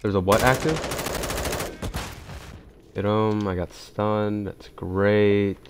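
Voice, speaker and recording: A man giving casual, excitable commentary while playing a shooter game, swearing and thinking aloud. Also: lowish voice, slow pace, background noise. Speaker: gamer.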